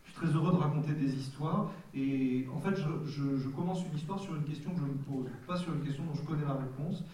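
Mellow-voiced man in his forties, halting. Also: fairly high pitch. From Nice, France. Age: 40s. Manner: reflective, candid, halting. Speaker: author guest at a public talk. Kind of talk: casual public Q&A. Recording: echoey hall from far off.

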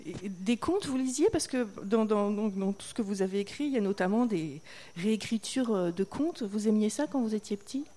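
A woman's voice: mid-range voice, animated, fairly quick, warm tone. A woman hosting an interview, asking questions in a friendly, slightly hesitant way. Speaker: interviewer host. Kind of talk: festival interview.

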